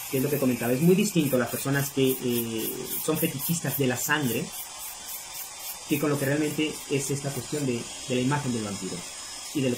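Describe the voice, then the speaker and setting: A middle-aged man, hosting a video and explaining things casually to viewers. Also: medium pitch. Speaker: video host. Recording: clear background noise.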